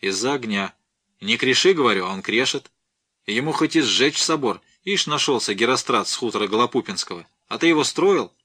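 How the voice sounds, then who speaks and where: A man's voice: expressive, brisk, sharp tone, husky. A man voicing a fearless gray-mustached old professor who speaks in a powerful, commanding voice. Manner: booming, commanding, scolding.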